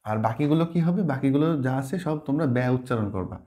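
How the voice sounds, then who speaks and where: A man's voice: medium pitch, animated, fast, warm tone. A man teaching a pronunciation lesson, patiently repeating words and letters and mixing in English terms. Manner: mixes in English words while explaining. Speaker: language teacher.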